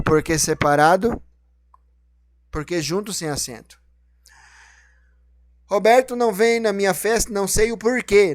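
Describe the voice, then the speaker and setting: A man's voice: high voice, no echo. A man teaching a grammar lesson, explaining each rule and then asking and answering his own questions.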